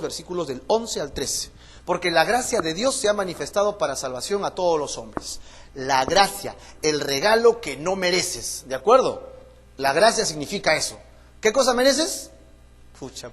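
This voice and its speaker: A man preaching a Bible study sermon with a Peruvian Spanish accent, asking rhetorical questions and swinging between loud and hushed delivery. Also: a little high. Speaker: pastor. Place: church hall. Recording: echoey church hall.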